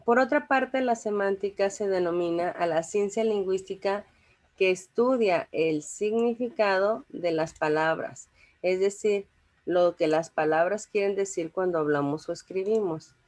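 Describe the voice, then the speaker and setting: A woman's voice: mid-range voice, unhurried, a little mellow. A young woman giving an informal language lecture, chatty and full of fillers, often checking in with her listeners. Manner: conversational, many fillers and restarts, checks in with listeners. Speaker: teacher.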